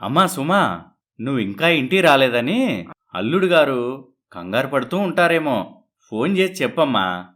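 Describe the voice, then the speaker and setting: Loving middle-aged father, tender, pleading, lively swinging pitch, cartoon story. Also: moderate pace, long pauses. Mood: gentle, fond. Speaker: father character.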